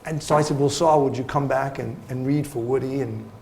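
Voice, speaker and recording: A man, an actor giving a master class, telling anecdotes in an animated, laughing way with many fillers. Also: medium pitch, brisk, gravelly, a little hiss or hum. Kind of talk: anecdotal storytelling interview. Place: festival venue hall. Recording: roomy hall, faint ambience.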